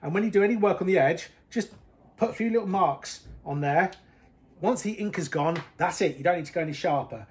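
A middle-aged man from Britain, a ski technician, talking through a hands-on repair in a small workshop in a practical, relaxed way with some fillers. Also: sits high, fairly quick, slight background noise.

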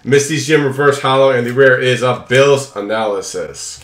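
At moderate pace and with fairly even intonation, a young man narrates his trading card openings, chatting casually and playfully with his viewers and pet. His voice is medium in pitch and a bit bright. The small room at home where he records sounds echoey.

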